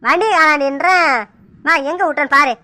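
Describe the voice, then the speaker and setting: A woman's voice: high-pitched, normal speed, bright, forceful tone, no room sound. A woman voicing a grumbling, scolding middle-aged village father.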